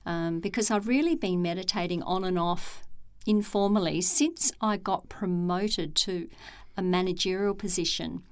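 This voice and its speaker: In reflective interview talk, a former executive now teaching meditation, a middle-aged woman, speaks on the low side. She comes across as calm and thoughtful, measuring her words and pausing frequently.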